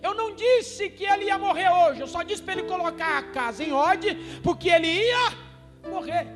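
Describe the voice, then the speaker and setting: A man playing God, Brazilian accent, patient and firm, high voice, music behind. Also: moderate pace, a bit bright. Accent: Brazilian Portuguese. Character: God, an older male voice speaking patiently but firmly. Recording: music in a reverberant hall.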